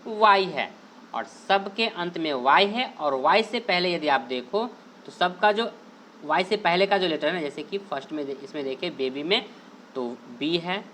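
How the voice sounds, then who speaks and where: A man's voice: high-pitched, a bit bright, slight background noise. Man teaching grammar, asking and answering himself. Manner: asks a question and answers it himself, repeats key points; drawls out key words slowly to stress them. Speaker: online English teacher. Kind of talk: explaining a grammar lesson over on-screen slides.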